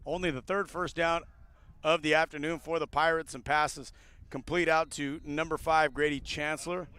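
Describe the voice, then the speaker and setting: Bright-voiced man calling football play-by-play. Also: on the high side, moderate pace, clear, resonant tone, dry recording. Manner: excited calls on big plays. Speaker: play-by-play announcer. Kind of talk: live radio sports commentary.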